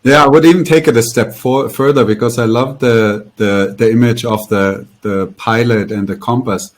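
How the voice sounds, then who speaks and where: Guy telling a story in an interview, coach type, easy middle-pitched voice. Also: normal speed. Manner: animated storyteller. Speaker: guest, yoga coach.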